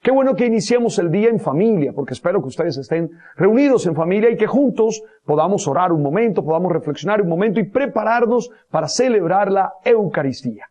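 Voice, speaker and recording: A man, a priest, hosting a Sunday religious talk show and interviewing a guest with a warm, pastoral manner. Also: sits high, expressive, fast talker, few pauses, lo-fi sound. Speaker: priest and radio host.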